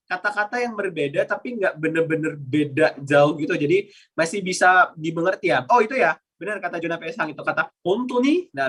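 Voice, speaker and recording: A man's voice: sits high, bright, forceful tone. A man mentoring a Japanese language class, answering questions in a chatty way with many fillers and demonstrating Japanese intonation. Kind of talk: online class Q&A, casual explaining.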